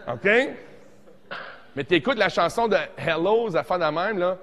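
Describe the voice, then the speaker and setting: A man in his forties with a Québécois accent, teaching a casual songwriting workshop, joking and animated, tossing in English words. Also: high voice, measured pace, long reverb tail. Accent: Québécois French. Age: 40s.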